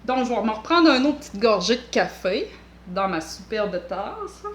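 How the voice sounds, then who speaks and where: A woman's voice: on the high side, sing-song, moderate pace, roomy sound, slight background noise. A woman with a Québécois accent hosting a knitting vlog, chatting casually in a rambling, playful way with jokey asides. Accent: Québécois French.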